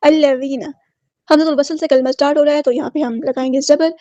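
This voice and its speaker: Woman tajweed teacher, high voice, close dry dull-toned mic, slow chanted words then brisk explanation. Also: steady tone, mellow, no echo. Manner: slow drawn-out chanted recitation of each word, then quick explanation. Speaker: Quran recitation teacher. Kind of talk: tajweed lesson, word by word explanation.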